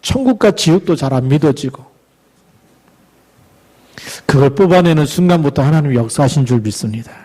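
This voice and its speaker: A middle-aged male pastor delivering a sermon, exhorting the congregation with rhetorical questions and reading scripture aloud slowly for emphasis. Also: on the high side, expressive, dark tone, husky.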